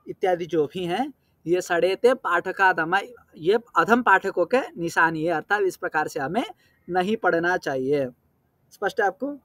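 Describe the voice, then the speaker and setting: A man teaching a class, explaining terms patiently, reciting verse words slowly and often checking whether his students understand. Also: high voice, fairly bright tone, no room sound, clean studio sound. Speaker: Sanskrit teacher. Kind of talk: explanatory lesson.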